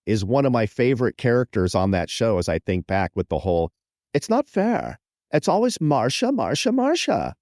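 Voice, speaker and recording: A man co-hosting a podcast in casual chat, playful and animated, slipping into quick mock voices. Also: low-pitched, no echo, studio quality. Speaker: podcast co-host.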